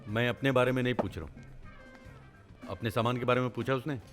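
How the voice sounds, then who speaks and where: A man's voice: medium pitch, fairly even intonation, a little fast, faint music behind, lightly acted. An actor playing a weary, exasperated young man just out of a breakup. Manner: exasperated, sighing. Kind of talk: film dialogue.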